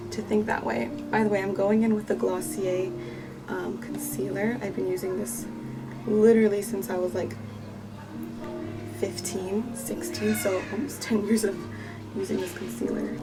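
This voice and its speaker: A woman's voice: medium pitch, distant mic, poor audio. A woman in her twenties chatting reflectively as she does her makeup by a pool, with lots of "like" fillers. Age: 20s. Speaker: vlogger. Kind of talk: casual get-ready-with-me chat. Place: outdoors by a pool on holiday.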